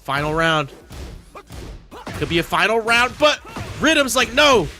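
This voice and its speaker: A young man calling a fighting game match live as play-by-play commentator, excitable and rapid, breaking into shouts at big moments. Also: high voice, soft background music. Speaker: esports commentator.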